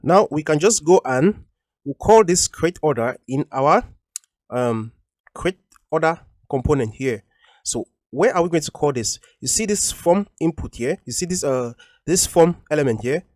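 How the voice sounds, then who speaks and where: A man's voice: on the high side, animated, moderate pace, a little mellow, dry recording, studio quality. Patient man walking through code. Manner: explains patiently, repeating points with frequent ums. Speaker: coding tutorial instructor. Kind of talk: screen-recorded coding walkthrough.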